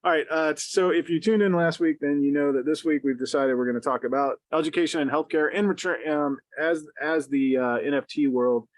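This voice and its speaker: A man's voice: on the high side, fairly quick, few pauses, no room sound, rough recording. A man co-hosting a podcast in casual chat, rambling with many fillers and joking about himself. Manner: rambling with many fillers, self-aware jokes. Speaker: podcast co-host.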